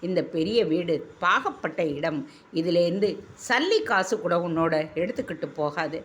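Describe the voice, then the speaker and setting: A woman's voice: fairly low pitch, lively intonation, normal speed, close to an everyday voice. A woman voicing a grieving elderly grandmother who is locked away, speaking in a tearful, pleading, affectionate way.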